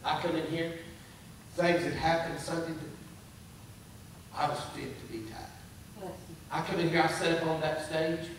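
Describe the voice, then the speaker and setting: A man's voice: on the high side, fairly even intonation, unhurried, pauses often, background noise. A man, preaching a sermon as pastor, conversational with rising emphatic bursts. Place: church sanctuary. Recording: echoey, distant church recording.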